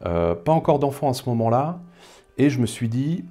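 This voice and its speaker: A man's voice: mid-range voice, very animated, normal speed, dark tone. A man in his thirties, from the Paris suburbs, talking casually as an interview guest, thoughtful, with many hesitations. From Paris suburbs, France. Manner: thoughtful, hesitant with frequent fillers.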